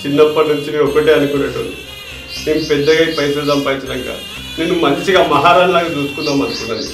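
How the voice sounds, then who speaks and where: Guy playing a loving grieving son, telangana accent, soft pleading voice, mic far off in an echoey room. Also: a little high, fairly even intonation, quick pace, over music, natural voice. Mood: tender, grieving. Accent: Telangana Telugu. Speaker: actor.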